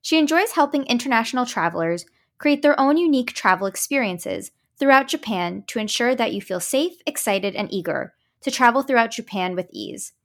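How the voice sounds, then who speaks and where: This podcast host has a fairly high, animated voice and a brisk delivery. She runs a travel podcast and conducts an enthusiastic interview, gushing upbeat praise at her guest and saying "I love that" again and again.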